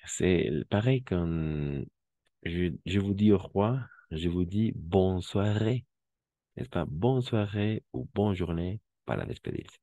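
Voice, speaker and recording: Male French teacher, very deep, unhurried, patient corrections, dry close sound. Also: animated, warm tone, no echo, dull audio. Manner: patient, repeats and corrects pronunciation, mixes in Spanish explanations. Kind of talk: language class instruction.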